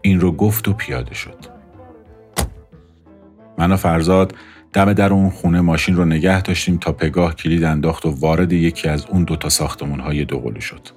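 A man calmly narrating a scripted first-person story in a measured way. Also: low-pitched, soft background music.

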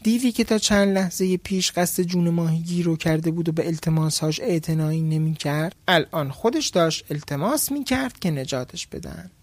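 A man narrating a folk tale in a plain, calm storytelling manner for a podcast. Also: fairly high pitch, hardly any pauses, dry recording.

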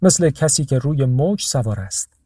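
A man's voice: mid-range voice, expressive, mellow, husky, no room sound, studio quality. A man voicing a stubborn, carefree male artist in an audiobook. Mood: defiant.

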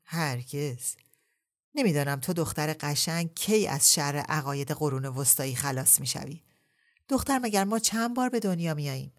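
A cocky, flirtatious middle-aged official, read by a woman in a low voice. He teases and jokes crudely, the way a storybook character boasts across a lunch table. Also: expressive. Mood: teasing. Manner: teasing, crude.

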